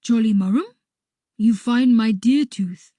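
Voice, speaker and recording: A woman voicing a gentle, playful Stone Age boy who speaks in simple, halting broken English. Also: a little high, dry recording. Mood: curious. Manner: simple halting phrasing, louder and lifted.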